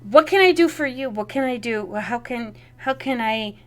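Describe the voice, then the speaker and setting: A woman voicing a shy, grateful young vampire woman from the sewers, who pleads eagerly in halting bursts. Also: on the high side, expressive, close to an everyday voice. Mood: insistent.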